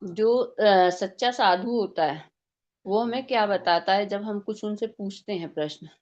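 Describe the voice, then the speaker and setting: A woman's voice: medium pitch, a little slow, darkish tone, dull audio. A woman teaching a devotional scripture class, explaining step by step and posing rhetorical questions.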